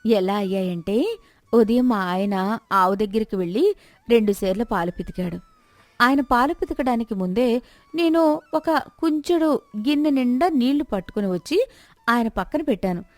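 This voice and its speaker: Storybook: a sharp, composed young wife, played by a woman, slightly high, dry close mic. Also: moderate pace, long pauses, dry recording, natural voice. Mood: calm. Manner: calm, reasoning, then bitterly reproachful. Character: clever calm young wife, poor milkman's spouse.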